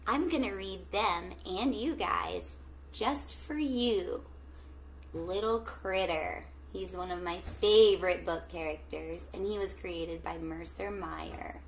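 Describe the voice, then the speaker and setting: This is a middle-aged woman reading a children's picture book like a teacher before a class, unhurried and expressive, drawing out words and asking the young listeners soft questions. Her pitch is average. Captured on a home webcam in a small room with plants, the low-quality audio has light background noise.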